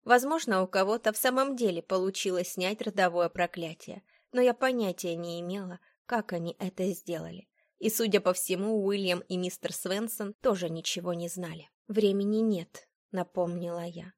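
A woman's voice: on the low side, no room sound, studio quality. Woman narrating a first-person audiobook. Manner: measured, expressive storytelling.

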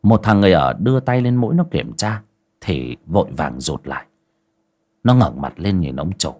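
A male storyteller tells a horror tale. His voice sits low and has a husky texture. He moves the pitch around a lot as he builds the drama. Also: lively intonation, normal speed, darkish tone. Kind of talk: spoken horror story narration.

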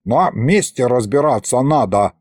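A man's voice: medium pitch, lively intonation, unhurried, a little mellow, no room sound, clean studio sound. A man voicing a gloomy, self-important male ghost sorcerer who talks in old-fashioned words. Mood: grumbling. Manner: self-important, archaic wording.

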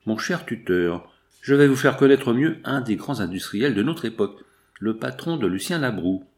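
A man's voice: medium pitch, expressive, normal speed, lightly acted. A man voicing a polite, earnest young lawyer in an audiobook. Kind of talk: audiobook character reading.

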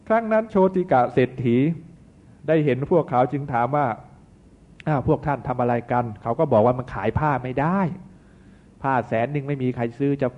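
A man, a Buddhist monk, giving a sermon that retells an old tale in a chatty, folksy way full of asides. The recording sounds tinny. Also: medium pitch. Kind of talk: sermon with storytelling.

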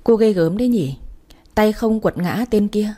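A man's voice: high voice, measured pace, warm tone. A woman reading the lines of a cocky young male boss in a spoken story, in an offhand, needling way. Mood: teasing.

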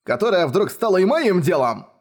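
A man voicing an angry, blustering middle-aged male merchant who shouts indignantly. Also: a little high, big pitch swings, a little fast, pitched above the performer's own voice. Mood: furious.

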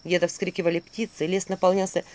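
An audiobook narrator reading a fairy tale with expressive storytelling. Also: mid-range voice, quick pace.

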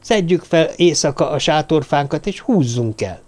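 A man voicing a desperate, high-strung dwarf woman in an audiobook. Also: animated, a little mellow, lightly acted. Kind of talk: audiobook character voice.

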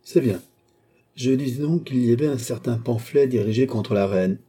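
A proud young chevalier, clipped and indignant, holding his anger under a thin calm, as a male reader puts him on. The voice is dark and husky, raised a little above the narration. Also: mid-range voice, moderate pace, pitched above the performer's own voice, natural voice. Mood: tense, indignant. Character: proud young chevalier, tense and barely controlled.

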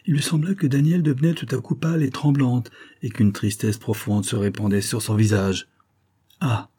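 A man narrating a classic novel as an audiobook in a measured, even storytelling manner. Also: mid-range voice, husky. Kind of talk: scripted literary narration.

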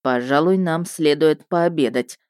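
A woman plays an unflappable male detective, his voice lowered and measured, with a mocking politeness. Every word is unhurried and even, spoken in an audiobook. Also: clear, resonant tone, no room sound, studio quality. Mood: calm. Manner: level, measured, dryly polite. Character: cold, ironic male police investigator.

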